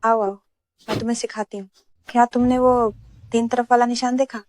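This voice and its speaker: A woman plays a boastful former coworker who looks down on others. Her slightly high voice mocks and condescends, captured in a dry, close recording. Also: little pitch movement, fairly quick, darkish tone, dry recording, close to an everyday voice. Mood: mocking. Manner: mocking, condescending. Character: snobbish young female ex-coworker, boastful. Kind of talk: dubbed drama dialogue.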